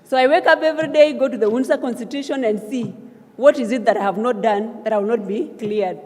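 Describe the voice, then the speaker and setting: A newly elected student association leader, a young woman from South Sudan, speaks fairly quickly at her swearing-in ceremony. Her fairly high, slightly mellow voice carries an earnest, emphatic acceptance speech that rises to calls of thanks, echoing with the long reverb of a large hall.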